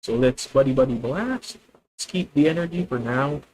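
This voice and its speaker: A man's voice: mid-range voice, moderate pace, a little mellow, low-quality recording. A man with a Filipino accent thinking aloud as he plays a card game on stream, chatting with viewers. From Philippines. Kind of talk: live card game commentary.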